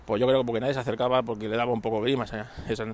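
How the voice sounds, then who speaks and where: A man's voice: medium pitch, level tone, rapid-fire, a little mellow. A man hosting a casual podcast, talking in a joking, rambling way with many restarts, recorded outdoors on a street. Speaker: podcast host.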